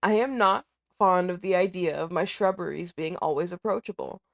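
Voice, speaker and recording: A woman reading a storybook part as a proud, pompous, disdainful older gentleman. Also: medium pitch, lightly acted. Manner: pompous, formal.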